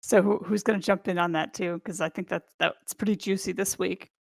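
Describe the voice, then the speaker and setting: A woman's voice: on the low side, steady tone, brisk, vocal fry, no echo. A woman moderating a panel discussion, putting questions to the panelists in a friendly way.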